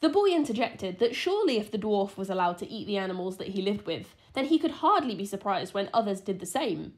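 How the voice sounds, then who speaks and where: A woman's voice: mid-range voice, fairly quick. A woman co-hosting a podcast, reading a folklore story with playful asides. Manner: lively, playful, giggly asides. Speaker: podcast co-host.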